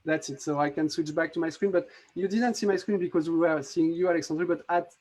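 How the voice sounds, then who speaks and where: A man with a French accent walks viewers through a magic trick on a live video call. His voice sits a little high, and he explains in halting bursts, restarting his sentences and filling gaps with "uh". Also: fairly even intonation, darkish tone. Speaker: app developer demonstrating a magic trick. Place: home in a city.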